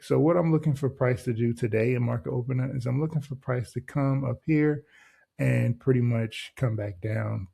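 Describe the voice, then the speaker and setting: A man hosting a trading channel, walking through a chart in a loose, casual way and tossing in "right?" and "boom" between steps. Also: gravelly, dark tone, slightly rough. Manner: loose and conversational, heavy on filler words like "right?" and "boom". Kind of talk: casual screen-share trading walkthrough.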